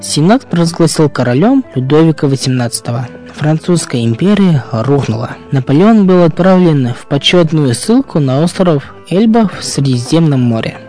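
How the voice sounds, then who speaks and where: A man's voice: a little high, expressive, moderate pace, hardly any pauses, warm tone, soft background music. A man presenting a history segment, reading scripted narration as a radio host.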